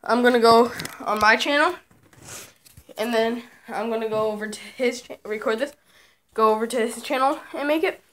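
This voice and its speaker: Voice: medium pitch, normal speed, fairly bright tone, a little hiss or hum. A vlogger chatting casually to viewers in an informal, unscripted way. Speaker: video creator. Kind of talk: casual vlog chat.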